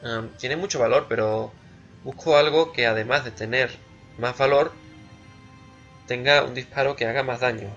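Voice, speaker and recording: A man's voice: medium pitch, moderate pace, long pauses, fairly bright tone, dull audio, faint music behind. A man giving casual, playful let's play commentary, musing aloud and repeating words. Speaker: gamer, let's play host.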